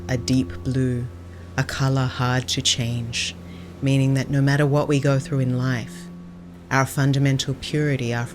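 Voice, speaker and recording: A woman with a bass voice speaks as a Buddhist nun and meditation teacher, guiding a meditation in a calm, gentle, unhurried way.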